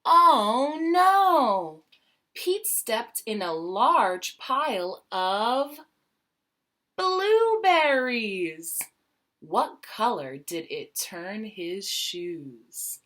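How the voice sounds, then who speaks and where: A woman reads a children's picture book aloud extremely slowly and expressively, in a slightly high voice with big pitch swings. She stretches key words and drops into quieter asides, asking young listeners questions.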